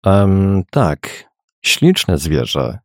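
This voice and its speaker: A man's voice: lowish voice, very animated, no room sound, clean studio sound, exaggerated voice. A man voicing a wary young painter. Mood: guarded. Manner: polite, measured, quietly cautious.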